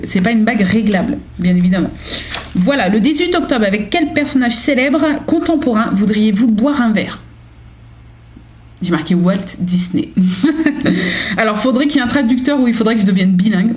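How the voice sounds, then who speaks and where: A woman's voice: mid-range voice, a little mellow, slight background noise. A young woman chatting casually on her home vlog, reading daily journal questions and answering them with lots of fillers and self-mocking asides. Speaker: vlogger.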